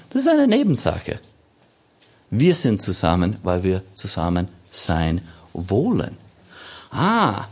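A pastor with a slightly high voice preaches a sermon, driving his points home by repeating phrases and by asking questions he then answers himself.

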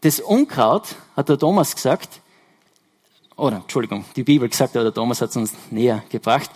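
A man delivers a Sunday sermon in an explanatory, conversational way. He pauses to correct himself and stresses key words by repeating them. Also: medium pitch, expressive, a little mellow. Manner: explanatory, self-correcting, emphatic repetitions. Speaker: preacher.

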